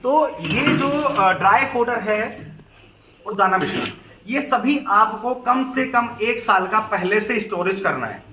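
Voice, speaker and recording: A man's voice: high voice, lively intonation, measured pace, echoey room, distant mic, noisy background. A man who runs a goat farm, giving earnest, repetitive step-by-step advice straight to the listener in an instructional talk. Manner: earnest, repetitive, advising directly.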